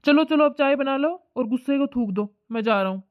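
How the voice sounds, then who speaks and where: A woman's voice: high voice, a little fast, dry recording, pitched below the performer's own voice, natural voice. Woman putting on a laid-back cartoon husband, tinny and dry. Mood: placating. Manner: placating, brushing things off. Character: easygoing husband, calm, dismissive. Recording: tinny phone-like dry voice track.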